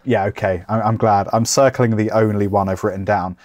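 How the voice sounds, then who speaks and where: A man's voice: lowish voice, steady tone, brisk, darkish tone, dry recording. A man hosting a podcast in a casual, rambling way, with jokey, self-deprecating asides. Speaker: podcast host.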